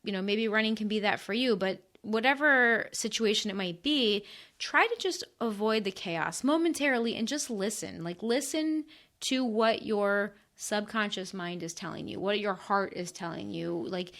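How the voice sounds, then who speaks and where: A woman's voice: mid-range voice, moderate pace, fairly bright tone. Casual woman co-host, earnest and encouraging, chatty with lots of fillers. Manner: earnest, encouraging, frequent "like" and "yeah". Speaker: podcast co-host. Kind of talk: casual chat.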